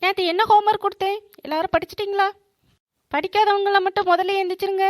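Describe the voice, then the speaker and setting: A woman's voice: very high voice, fairly even intonation, fast talker, no echo. A woman doing a stern scolding cartoon teacher. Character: strict scolding schoolteacher, woman.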